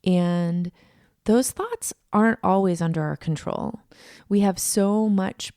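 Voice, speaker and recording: Gravelly, mellow-voiced woman podcast host. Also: mid-range voice, no room sound, studio quality. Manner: earnest, unhurried, thinking aloud with fillers. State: morning voice, not yet warmed up. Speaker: podcast host and inner voice coach. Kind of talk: reflective solo podcast talk.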